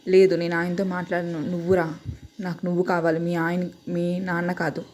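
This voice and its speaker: A woman's voice: fairly low pitch, completely flat delivery, fairly quick, darkish tone, slight background noise, close to an everyday voice. A woman voicing an anxious, possessive young man who talks in an agitated way. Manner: agitated, pressing.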